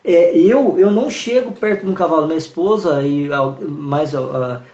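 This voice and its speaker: Man, horse trainer, lively storytelling, live-stream chat, echoey room, muffled lo-fi sound. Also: fairly high pitch, moderate pace. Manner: animated, storytelling with acted-out greetings. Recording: roomy, dull video-call sound.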